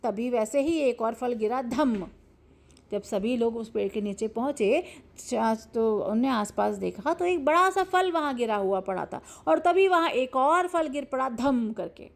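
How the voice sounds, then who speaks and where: A woman teacher telling a story to children in a lively, animated way, retelling each part twice. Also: on the high side, measured pace, gravelly.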